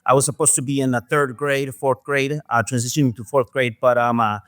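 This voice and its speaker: A man from Mexico, a guest in an interview, talking in a soft, hesitant way with many fillers. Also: medium pitch, steady tone, fairly quick, no echo. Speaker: guest, restaurant owner. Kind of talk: casual interview talk.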